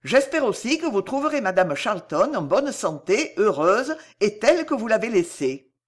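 A woman's voice: medium pitch, sing-song. A woman reading as a gracious, tender noblewoman. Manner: formal, measured and affectionate. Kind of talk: audiobook reading.

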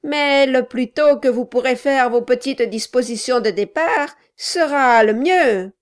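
A woman reading aloud voicing a scheming male dwarf who talks loudly and insistently with false friendliness. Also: on the high side, expressive, measured pace, pitched above the performer's own voice. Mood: pushy.

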